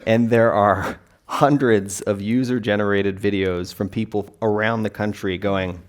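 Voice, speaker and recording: A man, creator of a video series, speaking haltingly and laughing often as a guest on a live panel. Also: on the low side, steady tone. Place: live event before an audience.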